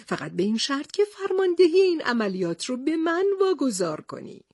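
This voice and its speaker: A woman's voice: high-pitched, very animated, no echo, studio quality, pitched above the performer's own voice. Captain Haddock, a woman doing a blustering sea captain. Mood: boastful. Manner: shouting, bossy outbursts. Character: hot-tempered blustering male sea captain, middle-aged.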